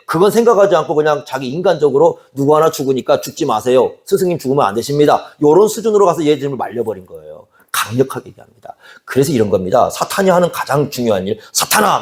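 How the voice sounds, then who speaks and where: Animated Korean man preaching a sermon. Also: on the high side. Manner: conversational preaching, asks the congregation questions, acts out quoted dialogue. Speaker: pastor.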